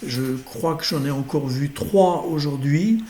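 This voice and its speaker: A man's voice: fairly high pitch, measured pace, dark tone. Hesitant man lecturing. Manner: hesitant, many fillers and self-corrections. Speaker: lecturer in neurology. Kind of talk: recorded lecture over slides.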